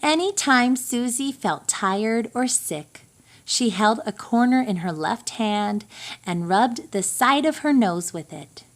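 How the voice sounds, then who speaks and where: With a fairly high pitch, she reads a children's picture book aloud, lingering deliberately and expressively over the story for young listeners.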